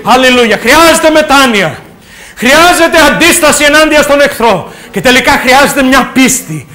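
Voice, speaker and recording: A man preaching an impassioned sermon in church, shouting exclamations and chanting repeated refrains. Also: very high voice, lively intonation. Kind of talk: fervent sermon.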